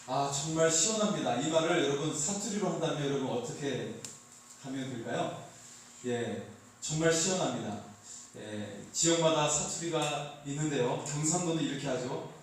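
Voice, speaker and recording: A man's voice: mid-range voice, slight background noise. A man preaching a Sunday sermon, light and joking as he quizzes his congregation. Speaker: pastor. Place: church sanctuary. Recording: echoey hall, heard from a distance.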